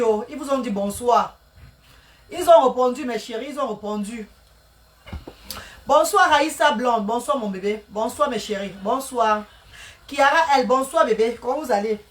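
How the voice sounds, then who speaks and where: A woman cooking while she talks on a casual live stream, greeting viewers by name and often speaking of God's blessings. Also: fairly high pitch. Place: home kitchen. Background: music playing.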